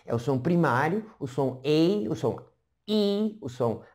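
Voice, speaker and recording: A woman teaches an online lesson in a low, mellow voice. Her pitch swings widely as she explains. She keeps checking in with her listeners through quick rhetorical questions. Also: lively intonation. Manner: chatty, peppers talk with rhetorical checks. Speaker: English teacher.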